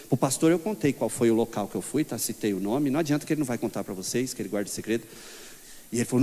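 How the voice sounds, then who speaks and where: A man teaching a church Bible class, mixing lecture points with lively, humorous stories. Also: mid-range voice. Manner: lively, storytelling, humorous asides. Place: church hall. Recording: long reverb of a church hall.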